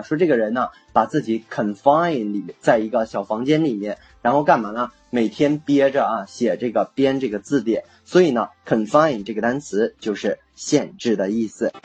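Husky-voiced man teaching English vocabulary. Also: mid-range voice, lo-fi sound. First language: Chinese. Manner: chatty and jokey, spells words letter by letter. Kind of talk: casual radio-style vocabulary lesson.

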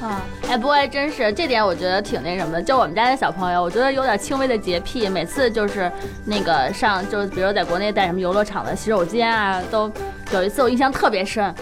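A woman co-hosting a casual chat, speaking as a mother in an animated, reactive way. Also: mid-range voice. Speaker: co-host, mother. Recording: music behind the talk.

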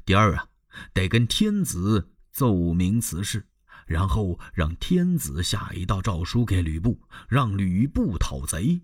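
A shrewd court official, voiced by a male storyteller lays out a plan in a matter-of-fact way. His voice is low and unhurried. It sounds dry and close. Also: big pitch swings, breathy edge, no room sound, full character voice. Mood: advising. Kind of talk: traditional Chinese storytelling.

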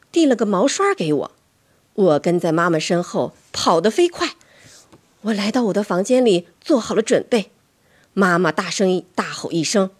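A woman reading a bedtime story to children, animated and dramatic, dipping into whispers. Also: on the low side, slightly rough.

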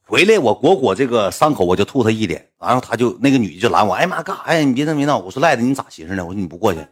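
A man's voice: on the low side, expressive, very fast, breathy edge. A man with a Northeastern Mandarin accent telling a rambling, colloquial anecdote, often repeating himself. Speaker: storyteller.

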